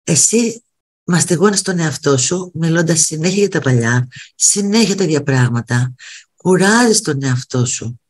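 Brief: middle-aged woman, lowish voice, motivational coach, emphatic and direct with viewers. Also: animated, breathy edge. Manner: emphatic, repeats phrases for effect; addresses viewers directly as kids.

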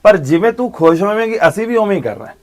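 A man, acting as an uncle in a short film, gently consoling and reassuring his niece. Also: high voice, big pitch swings, racing. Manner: warm, fatherly consoling. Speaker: uncle by marriage.

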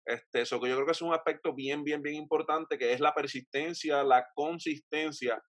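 A man's voice: fairly high pitch, fairly even intonation, moderate pace, fairly bright tone, no room sound. A young Puerto Rican man hosting a video-call interview, asking long, thoughtful, winding questions from a room at home. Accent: Puerto Rican Spanish. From Puerto Rico. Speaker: host. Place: home room with bookshelves, indoors. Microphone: webcam on a video call.

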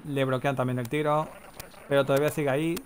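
A man's voice: mid-range voice, level tone, a little hiss or hum, low-quality recording. A man streaming live play-by-play commentary on a football video game, rattling off player names and breaking into long goal cries. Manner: rapid name-calling, bursts into drawn-out goal cries.

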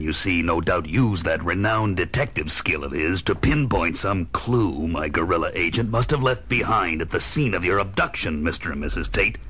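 An actor playing a menacing, pompous super-intelligent gorilla villain in a children's audio comic, taunting and deliberate. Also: male voice, deep voice, pushed and bright. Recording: music bed, 1970s record.

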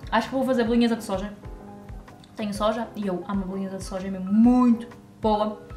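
A young woman with a European Portuguese accent, chatting excitedly in a casual vlog filmed on a handheld camera. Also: mid-range voice, brisk, faint music behind. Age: young adult. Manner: chatty, excitable, talks to her cat. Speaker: vlogger. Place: home kitchen and garden.

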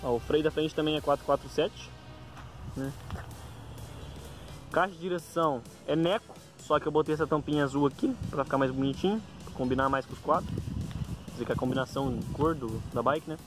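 A Brazilian man with a slightly high voice talks casually into a phone outdoors, with music behind him. He lists things informally, improvising and correcting himself as he goes. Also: a little fast. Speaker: bike owner presenting a gear check. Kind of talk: casual vlog commentary, listing parts.

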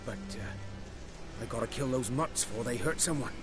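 Casting: man as world-weary game huntsman, mid-pitched, rustic and bitter, over loud music. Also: moderate pace, close to an everyday voice. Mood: grim. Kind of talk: video game voice acting.

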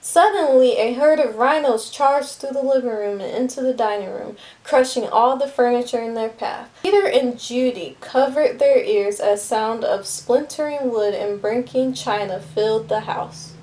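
A woman reading a children's picture book aloud with lively, expressive narration. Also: fairly high pitch, moderate pace, few pauses, rough recording. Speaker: storybook reader.

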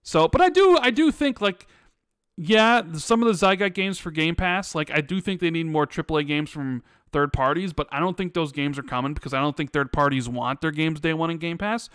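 A man's voice: on the high side, fairly quick, clean tone, no room sound, studio quality. A man hosting a gaming podcast, chatting casually and reading out viewer questions. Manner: relaxed, thinking aloud with fillers. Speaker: podcast host. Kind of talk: casual podcast chat, reading super chats.

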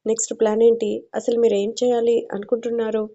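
A woman's voice: fairly high pitch, flat delivery, quick pace, warm tone, highs cut off, lightly acted. A woman voicing a blunt, teasing male police officer in an audio story.

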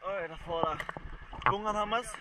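High Austrian guy joking in the water. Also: fairly quick. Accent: Austrian German. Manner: joking, mock commentary. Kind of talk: playful banter during a water game. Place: outdoors in water. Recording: distant, noisy outdoor water recording.

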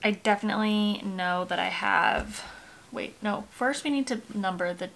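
A gravelly, medium-pitched woman at normal speed vlogs casually to camera in her home, an American in her twenties who rambles and breaks off mid-thought. Background music runs under an echoey, very noisy recording from a bare room.

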